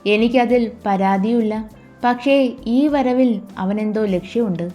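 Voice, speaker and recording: Woman reading old mother, grave warnings, low and heavy, faint music under. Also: a little mellow, close to an everyday voice.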